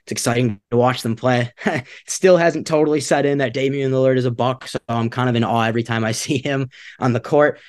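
A man's voice: medium pitch, fairly even intonation, fairly quick, no room sound, clean studio sound. A man co-hosting a sports podcast, upbeat and casual, chuckling between phrases. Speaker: podcast co-host.

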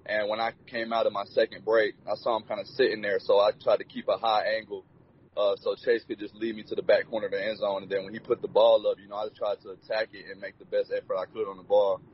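A young man in his twenties, a college football player, answers interview questions in a relaxed way, peppering his speech with "you know." His voice sits on the low side with little pitch movement, and he talks fast. The lo-fi recording sounds dull and carries slight background noise.

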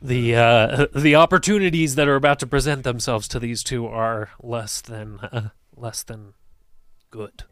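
A man's voice: medium pitch, measured pace, a bit bright, no echo. A man running a tabletop game as game master, narrating loosely with plenty of fillers. His voice is recorded dry and close, with no room sound.

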